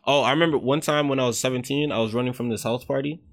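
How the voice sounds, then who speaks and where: A man's voice: mid-range voice, fairly even intonation, rapid-fire. A man in his twenties co-hosting a podcast, telling stories in a loose, rambling way and swearing casually. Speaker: podcast co-host.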